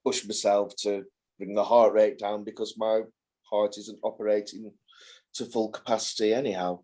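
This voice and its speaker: Hesitant low-voiced man in his forties. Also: flat delivery, normal speed, mellow. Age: 40s. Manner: hesitant, restarts and repeats words. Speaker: carer and group participant. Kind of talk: casual group chat.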